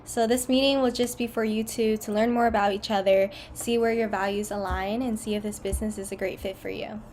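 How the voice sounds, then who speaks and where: A young woman hosting a video call, introducing two people in a brisk, organizing way. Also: mid-range voice, fairly even intonation, a little mellow, slight background noise. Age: young adult. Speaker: host of the meeting.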